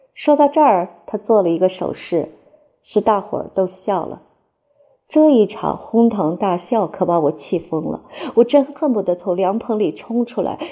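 Woman, audiobook narrator, first-person literary reading, measured, expressive, breathy. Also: medium pitch.

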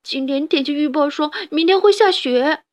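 A woman voicing a young male rabbit bully who whimpers and pleads in a high, tearful voice for a storybook tale. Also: expressive, moderate pace, fairly bright tone. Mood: wailing.

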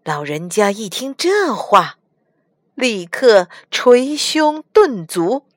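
A woman reading a children's storybook aloud in an expressive, sing-song way, as a storytelling mother. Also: a little high, slow pace, no echo, studio quality.

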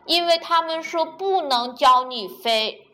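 A woman voicing a gullible young male frog in a children's storybook, with excited, squealing exclamations. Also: high-pitched, takes it slowly, voice pushed up, exaggerated voice. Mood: indignant.

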